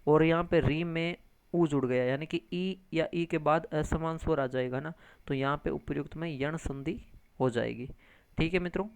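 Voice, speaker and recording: A man teaching an exam-prep grammar lesson in a fairly high, gravelly voice that still sounds smooth and clear. He walks through each answer step by step, asks himself questions and answers them, and keeps checking in with his listeners. The recording is dry and close. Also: moderate pace, no echo. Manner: addresses viewers as friends, frequent tag questions.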